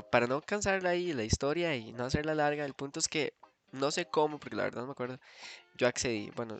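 Costa rican guy rambling through a story, lots of fillers and restarts, mid pitch. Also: darkish tone. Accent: Costa Rican Spanish. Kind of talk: casual chat.

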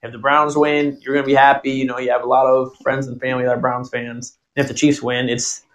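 A man's voice: medium pitch, flat delivery, fairly quick. A man in his twenties from Ohio hosting a podcast, asking casual questions in a rambling way with lots of fillers. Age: 20s. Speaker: podcast host. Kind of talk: casual interview chat.

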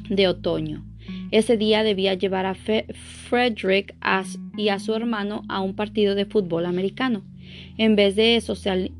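Woman reading aloud over guitar music. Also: medium pitch. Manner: earnest, with small stumbles and self-corrections. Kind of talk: reading a book aloud with casual asides. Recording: guitar music playing underneath. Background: soft guitar music.

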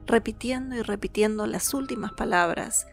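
A woman's voice: on the high side, vocal fry, faint music behind. Dramatic woman storyteller. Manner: measured, dramatic, slows on lists and whispers tense moments. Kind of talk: scripted myth narration.

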